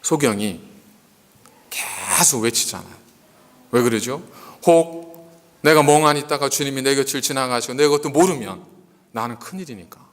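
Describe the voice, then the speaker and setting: A male pastor preaching a sermon, asking many rhetorical questions in an animated delivery. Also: mid-range voice, normal speed. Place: church sanctuary. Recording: echoey church hall.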